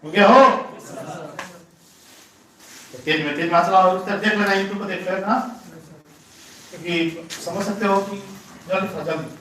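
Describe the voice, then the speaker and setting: A high-pitched male teacher lectures a grammar class, going over each rule again and quizzing his students. His voice lands from a distance in a strongly echoing room. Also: a little slow, long pauses, fairly bright tone, slight background noise. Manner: repeats points, poses rhetorical questions to students. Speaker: English teacher. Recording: very echoey room, voice from far off the mic.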